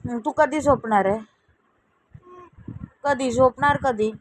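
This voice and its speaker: A woman's voice: high-pitched, slow, slight background noise, rough recording. A woman, a mother, chatting playfully with her baby in a coaxing, questioning way.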